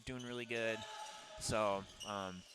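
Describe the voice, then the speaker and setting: A man's voice: lowish voice, steady tone, slow, a bit bright, slight background noise. A man with a Minnesota accent doing casual, rambling sports commentary with lots of fillers. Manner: chatty, rambling, full of fillers.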